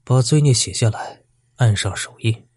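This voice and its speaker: A man with a husky voice voicing a vicious, vengeful male bandit who taunts his old teacher with menace. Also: medium pitch, moderate pace, darkish tone, dry recording, clean studio sound, lightly acted. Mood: menacing.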